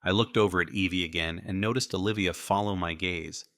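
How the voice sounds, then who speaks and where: A male audiobook narrator reads in a steady, measured way. His voice sits low and sounds bright and forceful. The recording is dry and close, with no room sound. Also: no echo. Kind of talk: scripted first-person narration.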